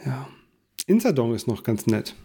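A man with a gravelly, low-lit voice explains things in a relaxed podcast chat. He often restarts and circles back with fillers while he works his point out. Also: moderate pace. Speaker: podcast guest.

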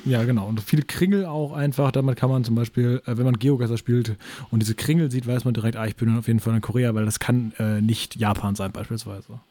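A man hosts a podcast, talking fast with a warm, dark tone, close and dry to the mic. He asks curious questions and throws in quick remarks. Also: medium pitch, dry recording. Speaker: podcast host. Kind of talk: casual podcast chat.

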